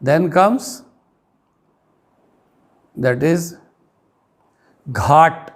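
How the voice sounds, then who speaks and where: Indian male teacher, fairly high voice, very slow delivery, spells words letter by letter for a pronunciation class. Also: a little mellow. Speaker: English teacher.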